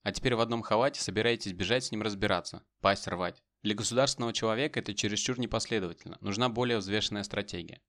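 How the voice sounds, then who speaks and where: A man's voice: lowish voice, fast, few pauses, a bit bright, lightly acted. A man voicing a stern, tough middle-aged male detective who speaks firmly with dry mockery. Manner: firm, commanding, dryly mocking.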